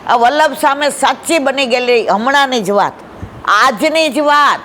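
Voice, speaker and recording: A woman's voice: high-pitched, a little slow, noisy background. A woman leading a devotional satsang, telling stories in a conversational way and often calling her listeners "my dear". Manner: conversational, asks the audience questions. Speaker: satsang speaker. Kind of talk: devotional satsang talk with storytelling.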